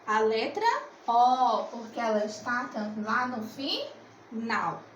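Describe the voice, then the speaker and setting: Lady teacher, high voice, slow and coaxing, echoey room. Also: lively intonation, a little hiss or hum. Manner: slow, coaxing, asks and answers her own questions. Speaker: primary school teacher. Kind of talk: remote literacy lesson.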